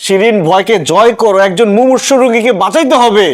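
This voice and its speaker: An actor playing a kind-hearted young husband who talks earnestly, lecturing and pleading. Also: male voice, high-pitched, fast talker, lightly acted. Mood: coaxing. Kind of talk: TV drama acting.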